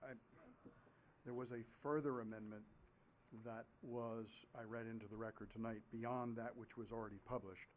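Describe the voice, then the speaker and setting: A man speaks for an applicant in a formal back-and-forth at a public meeting. His pitch is average, and there is faint noise behind him. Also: steady tone, normal speed. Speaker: applicant's representative.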